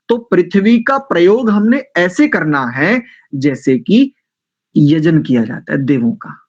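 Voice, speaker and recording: A man's voice: sits high, highs cut off. A man teaching a scripture class, lecturing in a rhetorical, questioning way. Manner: rhetorical, questioning, acts out quoted excuses. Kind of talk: Hindi religious lecture.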